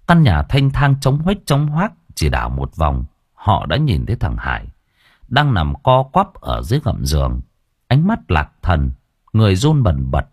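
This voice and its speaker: Deep, husky male storyteller. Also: dry recording, clean studio sound. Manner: earthy, colloquial, expressive. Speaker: audiobook narrator. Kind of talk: storytelling narration.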